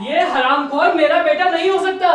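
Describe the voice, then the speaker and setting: A performer voicing a hot-tempered, forgetful middle-aged father in a comedy sketch, who scolds and shouts in a very high, squeaky voice. The voice sounds distant and booms around an echoey room. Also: normal speed, over music. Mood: angry.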